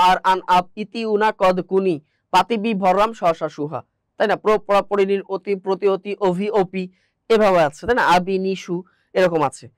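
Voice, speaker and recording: A man's voice: sits high, no room sound. A man with a Bangladeshi Bengali accent teaching an exam-prep grammar lesson, asking rhetorical questions and repeating the answers.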